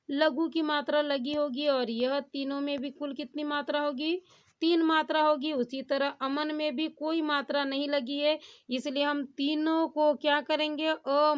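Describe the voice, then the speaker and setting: A woman teaching a Hindi grammar lesson on poetic meter. She keeps asking rhetorical questions and then answers them herself. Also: high voice. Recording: dull lo-fi sound.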